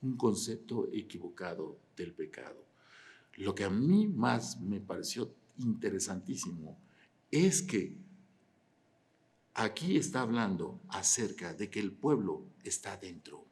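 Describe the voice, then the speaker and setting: A man, preaching an animated sermon with rhetorical questions, swinging from loud to quiet. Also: on the low side, measured pace. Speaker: pastor.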